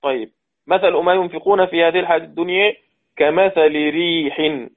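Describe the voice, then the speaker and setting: A man's voice: fairly high pitch, steady tone. Man teaching Quran recitation over tinny audio. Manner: explains rules quickly, then recites verses slowly and repeats them. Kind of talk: tajweed lesson with recited examples.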